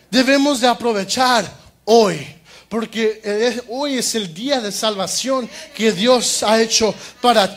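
High-voiced impassioned male preacher. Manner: impassioned, swinging from loud outbursts to hushed appeals. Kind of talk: sermon. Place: church.

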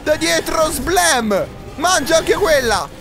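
A very high-pitched man with an Italian accent gives teasing game commentary, his voice leaping up and down with excitement. He drifts into sing-song bits and sudden shouts, with music clearly audible behind him. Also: slow, a crowd in the background. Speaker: gaming YouTuber.

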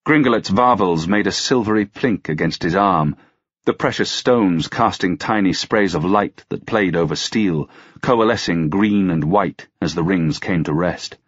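Deep husky male audiobook narrator. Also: measured pace, no echo, dull audio.

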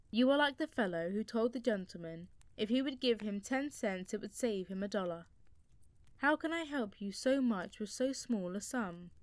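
A woman reading a classic nonfiction book aloud as an audiobook narrator, in a steady, measured way. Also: medium pitch, no echo.

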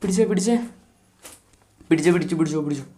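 A man's voice: fairly high pitch, fast talker, dark tone, a little hiss or hum. Coaxing man in sing-song baby talk. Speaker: vlogger playing with a toddler.

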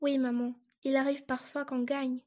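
Woman reading as a timid little boy beaver, plaintive, quiet, high voice, picture book. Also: level tone, normal speed, close to an everyday voice.

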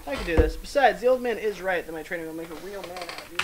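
A woman's voice: lowish voice, lively intonation, rapid-fire, background noise, close to an everyday voice. A woman voicing a tough, no-nonsense female fight trainer in a video game, talking blunt and bossy.

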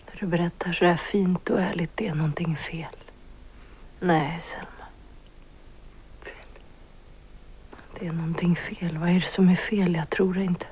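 An actress playing a probing, doubtful young woman who speaks softly, often in a whisper, in a TV drama. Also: fairly low pitch, level tone, hardly any pauses, a little hiss or hum, natural voice, low-quality recording. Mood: doubting. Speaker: listener questioning the confession. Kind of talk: 1990s Swedish TV drama acting.

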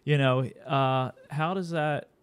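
A man's voice: a little high, takes it slowly, smooth. Easygoing male podcast host. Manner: relaxed, conversational, prompting the guest. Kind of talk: casual interview talk. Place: studio set with dark curtains. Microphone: boom mic on stand.

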